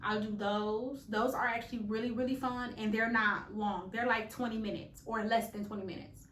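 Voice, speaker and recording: A woman, her voice sitting a little high. She is candid and playful and drops slangy asides. The room around her is echoey. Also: steady tone, moderate pace, fairly bright tone, slight background noise. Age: late 20s. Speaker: vlogger. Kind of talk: casual vlog chat.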